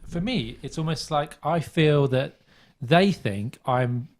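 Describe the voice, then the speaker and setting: A man's voice: a little high, expressive, takes it slowly. An English man co-hosting a podcast, telling stories in a rambling casual chat and often correcting himself mid-sentence. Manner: rambling, self-correcting storyteller. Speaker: podcast co-host.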